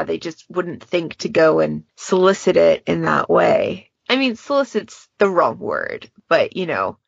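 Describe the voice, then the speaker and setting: With a fairly low, gravelly voice and a breathy edge, a podfic challenge moderator joins a casual podcast discussion, chatty and discursive. She illustrates her points by acting out imagined quotes, and the recording is muffled with no echo.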